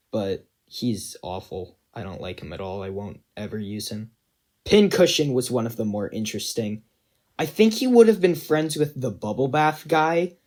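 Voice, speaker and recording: A man's voice: mid-range voice, a little mellow. A young man giving casual, self-deprecating commentary on his own animation project, rambling with many fillers.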